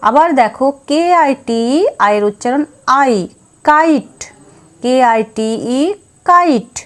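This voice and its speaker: A woman teaching letter sounds, spelling words out letter by letter. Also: a little high. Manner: slow, spelling letters out one by one. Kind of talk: phonics lesson.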